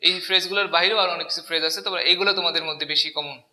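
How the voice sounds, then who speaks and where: A man's voice: sits high, steady tone, rapid-fire, bright, forceful tone. A man teaching an English grammar lesson, asking the class questions and repeating key words. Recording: echoey room.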